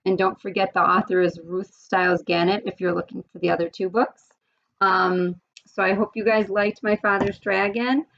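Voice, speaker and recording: A woman teacher reads a chapter book aloud to her students and explains the pictures in a friendly, conversational way. Her voice has a gravelly fry at the ends of phrases. The recording is dull and lo-fi. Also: mid-range voice, little pitch movement, moderate pace, a bit bright. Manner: friendly, explaining, some fillers.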